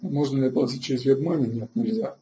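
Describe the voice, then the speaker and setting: Hosting an online webinar lecture, a man with a medium-pitched, warm voice halts with filler sounds and restarts, answering chat questions between his points. The recording is muffled, with a little hiss or hum.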